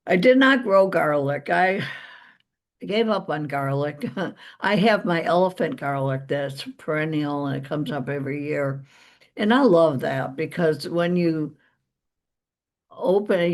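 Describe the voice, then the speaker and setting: A middle-aged woman with an American accent in a casual vlog-style chat, rambling along with small chuckles. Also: low-pitched. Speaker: vlog host. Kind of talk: casual gardening chat to viewers.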